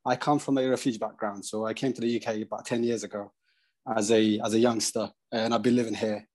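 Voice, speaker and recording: A young man from Eritrea, asking a question on a video call through earphones, hesitant and halting with many fillers. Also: lowish voice, level tone, a little mellow. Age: young adult. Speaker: audience member asking a question. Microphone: earphone mic.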